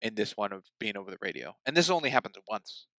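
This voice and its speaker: Podcast guy, lowish voice but bright and punchy, rambly casual chat, dry sound. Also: animated, fast, creaky, dry recording, poor audio. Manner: thinks aloud, hedging with "like". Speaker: podcast co-host.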